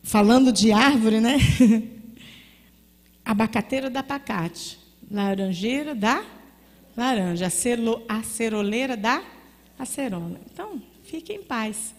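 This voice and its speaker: A woman's voice: fairly high pitch, expressive, unhurried, long pauses. A woman with a Brazilian accent giving an emphatic testimony sermon at a women's conference, telling stories and repeating her points. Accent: Brazilian Portuguese. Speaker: guest preacher at a women's conference. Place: church sanctuary. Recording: long echo of a church hall.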